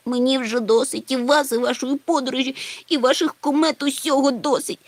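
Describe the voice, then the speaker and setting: A woman's voice: fairly high pitch, animated, normal speed, dry recording, pitched above the performer's own voice. A woman voicing a small, tearful male creature who whimpers and complains. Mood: whining.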